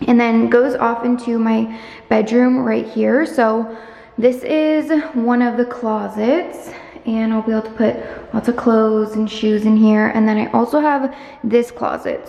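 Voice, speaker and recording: A woman's voice: a little high, gravelly, darkish tone, lo-fi sound. A young woman vlogging casually as she shows an empty apartment on a handheld camera, chatty and gushing, full of "like" fillers. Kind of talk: casual vlog narration. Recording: echoey empty rooms, faint background noise.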